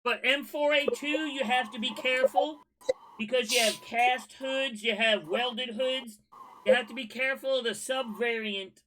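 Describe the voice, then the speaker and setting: A man, hosting a casual scale modeling livestream and giving relaxed, folksy advice to viewers. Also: very high-pitched, normal speed, background noise.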